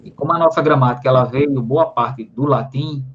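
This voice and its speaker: A Brazilian man with a Brazilian Portuguese accent speaks in a husky, medium-pitched voice at a fairly quick clip. He's a teacher explaining grammar in a recorded online lesson, often tacking on tag questions and spelling out syllables. The audio is slightly dull and lo-fi.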